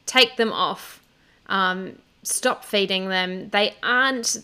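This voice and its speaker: Bright, smooth-voiced woman. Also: medium pitch, slow. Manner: explaining step by step, fillers and restarts. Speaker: podcast co-host. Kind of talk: casual advice chat.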